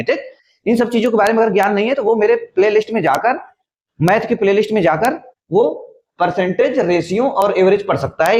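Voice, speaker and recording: A man's voice: high-pitched, a little mellow, a little hiss or hum. A man teaching an exam-prep maths lesson, often asking a question and then answering it himself. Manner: repetitive, asks and answers own questions.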